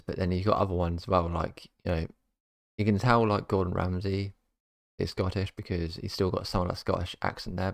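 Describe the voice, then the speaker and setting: A man's voice: deep voice, creaky, no room sound, clean studio sound. A man hosting a reaction video, talking casually in a rambling, hesitant way with many fillers.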